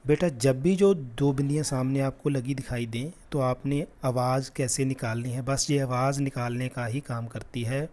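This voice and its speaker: A man teaching a class lesson, patiently repeating sounds slowly for children. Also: mid-range voice, fairly even intonation, darkish tone.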